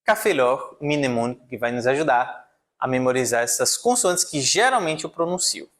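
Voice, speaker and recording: A man's voice: medium pitch, expressive, moderate pace, fairly bright tone. A man teaching French pronunciation in an online lesson, explaining rules patiently and checking in with his viewers often.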